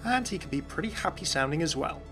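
Talking fast over music, a man with a highish voice and lively intonation narrates a game lore video. His scripted commentary walks through voice lines in an upbeat, chatty way.

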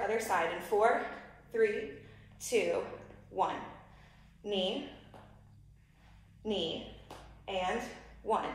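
A young woman working as a fitness instructor, giving workout directions and clipped counted cues while exercising. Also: mid-range voice. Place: large living room, indoors. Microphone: distant camera microphone across the room. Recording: very echoey room, distant camera mic.

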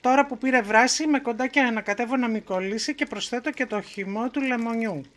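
A woman with a Greek accent hosting a home cooking video, calmly explaining each step in her kitchen. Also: on the high side. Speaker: cooking show host.

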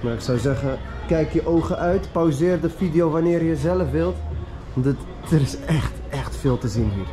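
A man's voice: on the high side, moderate pace, warm tone, faint music behind. Enthusiastic young man on a walking tour. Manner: enthusiastic, chatty, addresses viewers directly. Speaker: vlogger, tour guide. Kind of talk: casual walking-tour narration. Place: outdoor narrow city street with murals, walking.

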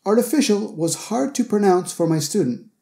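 Mellow man teaching English pronunciation. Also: high-pitched, lively intonation, creaky. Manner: slow, careful enunciation of example words. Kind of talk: scripted pronunciation lesson.

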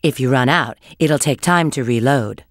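A woman's voice: rumbling low, normal speed, no echo, clean studio sound. A woman voicing a confident, sly adult female bat treasure hunter in a video game, coaching with a cool, knowing tone. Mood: instructing. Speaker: game character giving hints. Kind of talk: game voice acting.

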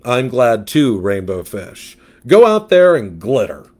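A man's voice: medium pitch, sing-song, slow pace, a little mellow. A man voicing a sassy, gossipy male catfish who dramatically gives life advice in a storybook. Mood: sassy advising.

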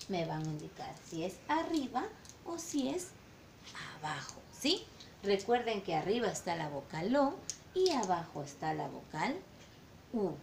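A woman teaching an online lesson to small children, asking slow sing-song questions and stretching her vowels. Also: mid-range voice, gravelly, reverberant, a little hiss or hum. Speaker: preschool teacher.

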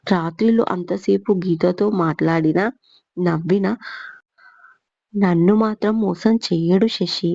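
A woman's voice: fairly low pitch, mellow, no room sound. A woman narrating a romance story as the channel's storyteller, voicing each character's lines in her own voice with only small shifts. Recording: dull lo-fi dry recording.

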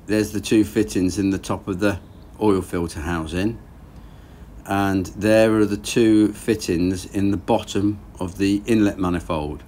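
Here a man in his thirties narrates his engine rebuild at a measured pace, his voice low and slightly backed by noise. He's working in a garage, relaxed and plain-spoken, thinking things through aloud for his boat engine vlog.

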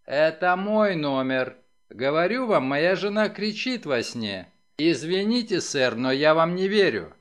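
A man's voice: a little high, sing-song. A man reading aloud and voicing a composed young man who speaks politely but firmly. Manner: polite but firm, measured. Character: composed, firm young hotel guest.

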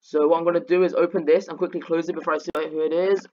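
A man talks casually through a game pack opening, circling back and restarting his sentences. His voice sits a bit high. The recording is dull and lo-fi. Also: level tone, fast talker, a little mellow. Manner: chatty, hesitant with restarts. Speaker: gaming channel co-host. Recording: dull lo-fi sound.

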